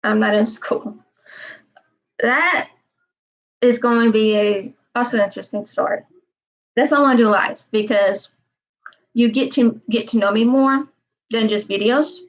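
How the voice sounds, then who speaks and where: Her voice sits a little high and unhurried, with frequent pauses, and the recording sounds muffled. She's a woman in her twenties doing a rambling, casual live-stream chat, wandering off topic, repeating herself and saying "um" constantly.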